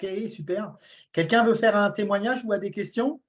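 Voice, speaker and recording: Husky-voiced woman hosting casually. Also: medium pitch, moderate pace. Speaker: meeting host. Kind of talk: casual chat. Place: online video meeting.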